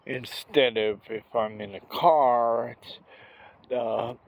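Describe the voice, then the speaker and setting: A vlogger recovering from a stroke talks while out on a walk, filmed on a handheld phone. His mid-range, gravelly voice has fairly even intonation, and his speech is slow, halting, and effortful, rambling casually with many pauses and restarts.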